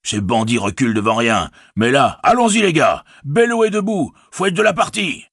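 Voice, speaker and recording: Brief: man voicing a hearty hobbit farmer for a storybook, husky, lively delivery. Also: on the low side, normal speed, no echo, studio quality, pitched above the performer's own voice. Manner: blunt, folksy. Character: gruff middle-aged male hobbit farmer, hearty. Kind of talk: audiobook reading.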